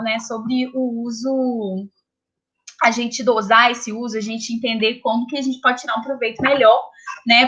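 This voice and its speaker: A woman's voice: sits high, fairly bright tone, lo-fi sound. A woman teacher moderating an online talk who often voices brief agreement.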